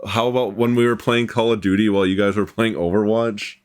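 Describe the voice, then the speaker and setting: Low-voiced man streaming a block game. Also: fairly even intonation, brisk, clean tone. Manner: teasing, yelps and laughs at game mishaps. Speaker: streamer and host. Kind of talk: casual gaming chat.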